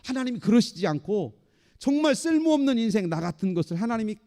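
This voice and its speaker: A male pastor preaching a sermon in an animated way, acting out the voices he quotes. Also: sits high, fast.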